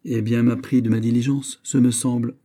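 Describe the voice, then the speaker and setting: A man voicing a shrewd, calm bishop who questions his host in a measured, quietly insistent way, in an audiobook reading. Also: mid-range voice, natural voice. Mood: probing. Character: calm, shrewd male bishop, smoothly probing.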